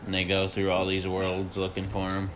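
A man's voice: sits low, monotone, normal speed, slight background noise. A man co-hosting a casual podcast chat, laid-back and slangy, drawling easy agreement. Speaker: podcast co-host.

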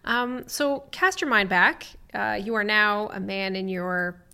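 A woman's voice: medium pitch, unhurried, gravelly, sharp tone, smooth. A woman co-hosting a podcast, doing a casual interview recorded in a friend's garage.

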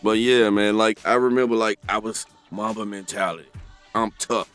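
Animated man co-hosting a podcast. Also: lowish voice, normal speed, clear, resonant tone, faint music behind. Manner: animated storyteller, joking. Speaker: podcast co-host. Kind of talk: casual podcast chat.

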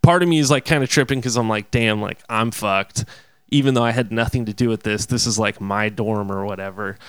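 A young man telling a wild story in a casual, profane, animated way, often laughing between phrases. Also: on the low side, fast talker, smooth, no room sound.

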